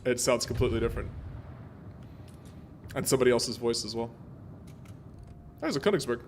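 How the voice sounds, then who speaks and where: This medium-pitched male voice is expressive and a little fast, with slight background noise behind it. He's streaming a naval warship game, offering casual commentary that rambles along with many fillers and false starts.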